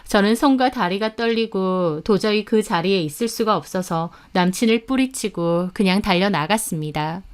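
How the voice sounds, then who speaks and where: A woman's voice: mid-range voice, smooth. A woman narrating a first-person drama story in an indignant, dramatic tone.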